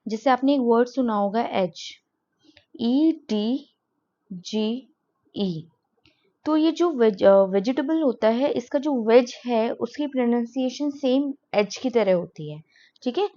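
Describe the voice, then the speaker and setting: A woman teaching English on her channel, with a fairly high but mellow voice. She explains patiently and says each example sentence slowly. The recording sounds dull and lo-fi. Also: lively intonation. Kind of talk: spoken English lesson.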